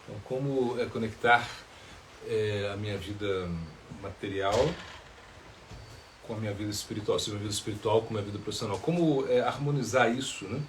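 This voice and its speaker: A man, a monk, answering questions in a live spiritual talk, pausing often with filler sounds and tag questions. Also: on the low side, a little hiss or hum.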